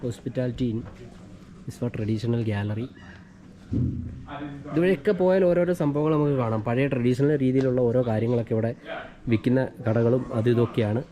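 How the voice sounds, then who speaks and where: A man's voice: mid-range voice, normal speed, crowd noise, rough recording. A man with a Malayali accent giving casual walking vlog commentary, mixing Malayalam with English words. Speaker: travel vlogger. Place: walking around an old village outdoors.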